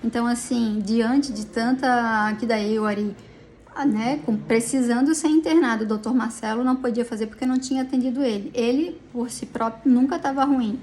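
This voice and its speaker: A woman's voice: fairly high pitch, fairly even intonation, normal speed, a little mellow, a little hiss or hum. A tired middle-aged woman telling of a dispute in an agitated, rambling way, with many restarts. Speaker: vlogger recounting a personal dispute. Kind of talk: emotional personal account. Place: inside a police station.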